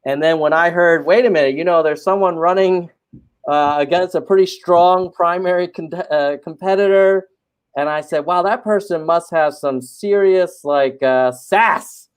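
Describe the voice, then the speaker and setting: A man hosting a casual interview show, enthusiastic and halting, with lots of fillers and restarts. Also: fairly high pitch, clear, resonant tone. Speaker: show host.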